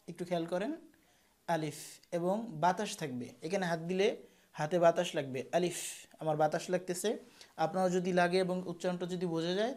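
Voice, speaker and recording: A man teaching how to pronounce Arabic letters, repeating each sound slowly and firmly for learners to copy. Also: high-pitched, darkish tone. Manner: slow, demonstrative, repeats each sound emphatically. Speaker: Quran teacher. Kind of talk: pronunciation lesson.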